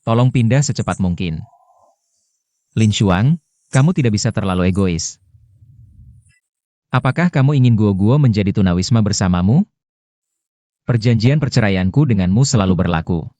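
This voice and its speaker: A man voices a cold ex-husband in a dubbed drama. His voice is low and dark, and he speaks sternly. The sound is dry and close. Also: lively intonation, normal speed, pauses often, no room sound, lightly acted. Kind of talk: Indonesian dub of a drama series.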